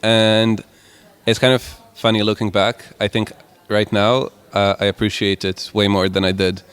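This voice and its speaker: A young man in his twenties from Croatia, answering interview questions in a relaxed, rambling way. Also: lowish voice, normal speed, smooth. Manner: relaxed, rambling with many "like" and "kind of" fillers. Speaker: musician guest.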